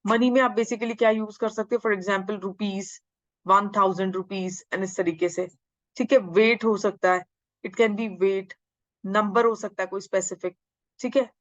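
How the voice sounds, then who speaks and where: Woman teacher, exam-prep grammar lecture, slow drawn-out lines, dry slightly dull sound. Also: mid-range voice, steady tone, no echo. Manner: mixes Hindi and English, drawls English sentences slowly, asks and answers own questions. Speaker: English teacher.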